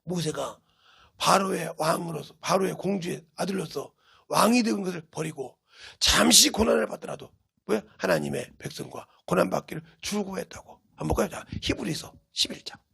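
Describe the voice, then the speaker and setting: A middle-aged male pastor from South Korea, preaching emphatically and swinging between loud bursts and hushed asides. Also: high-pitched, normal speed, vocal fry, breathy edge. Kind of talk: sermon.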